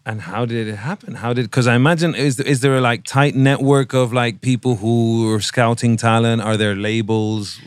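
Guy hosting a chat, asks lots of curious follow-ups, cuts himself off, normal pitch, dry close sound. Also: steady tone, clean tone, dry recording. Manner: curious, breaks off into quick follow-up questions. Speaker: interviewer, host. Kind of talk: casual chat.

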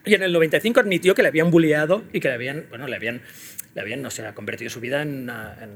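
A man's voice: medium pitch, rapid-fire, vocal fry. A man co-hosting a casual comedy chat, telling stories in a sarcastic, profane, exaggerated way. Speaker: podcast co-host.

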